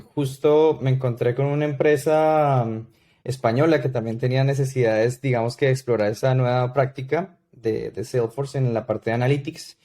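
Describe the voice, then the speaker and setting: A man in his thirties with a Colombian accent, a podcast guest who tells his story slowly, with many fillers and restarts. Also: medium pitch, warm tone. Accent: Colombian Spanish. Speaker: guest consultant. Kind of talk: podcast interview.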